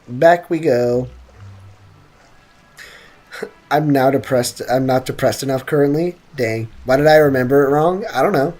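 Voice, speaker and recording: In a mid-range, somewhat dark voice, a streamer jokes around with viewers while gaming live. The casual commentary is slangy and playfully boastful.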